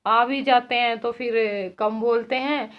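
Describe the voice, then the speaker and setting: Brief: bright-pitched woman vlogger, chatty and laughing, muffled lo-fi home recording. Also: steady tone, a little slow, a loud crowd. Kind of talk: casual chat to viewers. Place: village home. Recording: dull lo-fi sound.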